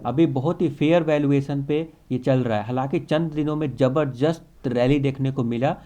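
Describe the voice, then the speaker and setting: A man's voice: medium pitch, darkish tone. A man, casually talking through stock picks as a channel host, confident and mixing in English terms. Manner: confident, repeats stock phrases, mixes English terms into Hindi.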